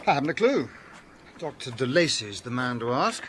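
An actor playing an edgy, hearty young gentleman in a radio drama, with hesitant, unsettled speech. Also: mid-range voice, very animated, normal speed, a little hiss or hum. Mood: amiable.

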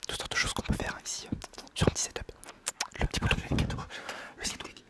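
A man whispering quickly through an ASMR tour of a computer setup. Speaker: tech ASMR creator.

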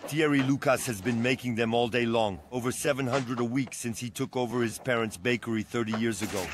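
A man narrating a food documentary in a measured, scripted way. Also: medium pitch, background noise. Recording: voice-over with music behind.

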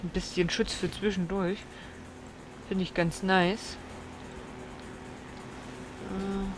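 A woman's voice: mid-range voice, level tone, takes it slowly, background noise. A woman giving blind let's play commentary, swearing, exclaiming and scolding the enemies aloud.

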